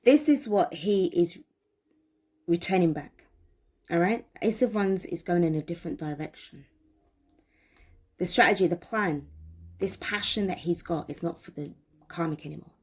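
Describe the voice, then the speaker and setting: A woman's voice: on the low side, moderate pace, pauses often, a little mellow, breathy edge. A woman giving a tarot reading, talking emphatically, repeating phrases and asking viewers questions. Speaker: tarot reader.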